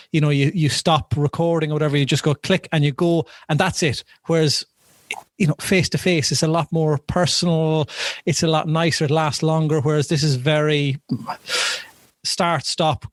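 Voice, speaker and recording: A man co-hosting a casual chat, talking in halting, conversational phrases. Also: fairly high pitch, no room sound, studio quality. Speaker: co-host.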